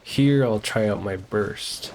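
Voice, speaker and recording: Slow and fairly low, with vocal fry and a darkish tone, a man commentates casually on a video game he's streaming live, chatting easily to viewers and to himself. A bit of hiss or hum sits under the audio.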